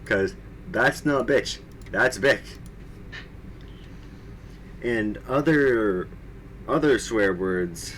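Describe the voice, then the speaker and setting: Guy on a live stream reading bad fanfic out loud, keeps cracking up and cursing, low hiss in the back. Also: lively intonation, drawn-out words, long pauses, rough recording. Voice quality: laughs often, swears, mocking asides. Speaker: streamer reading fan fiction aloud. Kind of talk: casual comedic dramatic reading.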